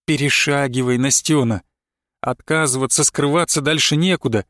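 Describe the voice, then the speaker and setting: A man narrating literary prose in a measured, expressive audiobook reading. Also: medium pitch, dry recording, clean studio sound.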